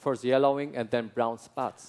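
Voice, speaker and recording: Very slow halting male lecturer. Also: medium pitch, little pitch movement, darkish tone, smooth. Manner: slow, halting, with repeated words and fillers. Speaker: product trainer. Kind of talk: training lecture with interpreter.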